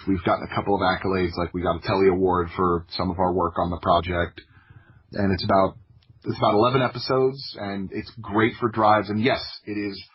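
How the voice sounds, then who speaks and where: A Florida-born American who creates audio dramas appears as a podcast guest, relating anecdotes in a loose, self-interrupting style full of "like." The recording is muffled, and his fairly low voice has a breathy edge.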